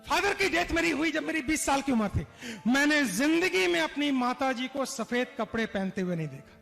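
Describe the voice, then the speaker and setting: A man with a very high voice gives an animated motivational stage talk, acting out stories and pressing his audience to answer. His voice carries long hall reverb with faint music underneath. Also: moderate pace, gravelly. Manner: animated, acts out stories, urges audience responses. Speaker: motivational speaker and trainer.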